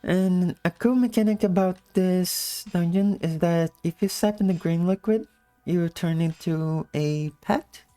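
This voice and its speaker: A woman with a low-energy, just-woke-up morning voice giving a casual gameplay tutorial in commentary style. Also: a little slow, mellow, soft background music. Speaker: video game guide narrator.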